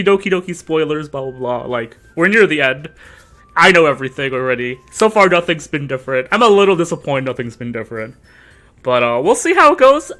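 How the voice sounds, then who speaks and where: A young man chats through a horror game on his stream, his voice lively and swinging up and down, with a bright, sharp edge and a pitch a little above most men. He rambles and jokes, trailing off into mumbles between louder bursts. Faint game music plays behind him on a desk mic. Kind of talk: casual gameplay commentary.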